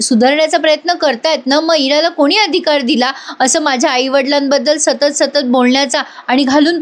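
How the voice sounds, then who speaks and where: A woman's voice: high voice, lightly acted. Woman voicing a hurt young woman standing her ground. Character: young woman doctor-in-training, hurt and defiant.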